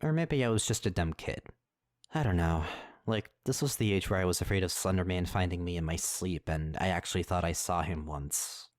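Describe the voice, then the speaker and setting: Man, very deep voice, scripted lore narration, casual swearing asides. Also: a little fast, no echo.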